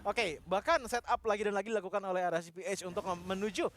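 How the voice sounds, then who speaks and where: A man's voice: high voice, fast talker, a bit bright, a little hiss or hum. A man with an Indonesian accent giving fluent, detailed esports commentary and explaining the state of play. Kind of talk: game commentary and analysis.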